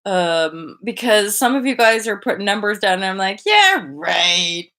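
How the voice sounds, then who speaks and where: A woman in her thirties hosts a casual livestream chat from her bedroom, picked up by a webcam mic at desk distance. Her medium-pitched voice moves at a measured pace, and she is chatty and animated, gesturing a lot and laughing often. Her speech is full of "like" and restarts.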